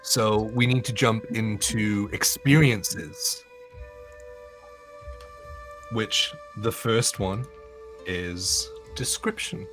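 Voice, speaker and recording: A man running a tabletop game on a live stream, explaining the rules in a relaxed, enthusiastic way and swearing casually. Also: fairly low pitch, drawn-out words, pauses often, faint music behind. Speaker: game master.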